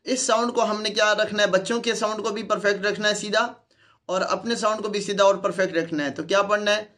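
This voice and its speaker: A man with a Pakistani Urdu accent teaches letter pronunciation in an online lesson, speaking into a close mic. His voice sits high and carries a bright edge. He repeats each sound patiently for demonstration. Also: fairly even intonation. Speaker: Quran teacher.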